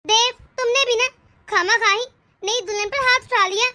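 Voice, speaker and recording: A woman's voice: very high-pitched, normal speed, sharp tone. A woman voicing a scheming, bossy sister-in-law in a cartoon, taunting and sly. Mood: smug. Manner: taunting, sly, self-pitying. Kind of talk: cartoon voice acting.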